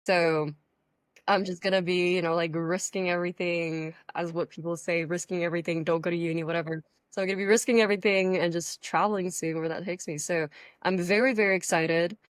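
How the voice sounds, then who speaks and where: A woman's voice: on the low side, fairly even intonation, a little fast, no room sound. A teenage girl from Thailand, a podcast guest talking about her online coaching work in an upbeat, chatty way full of fillers, over a video call. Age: teens. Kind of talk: casual conversational interview.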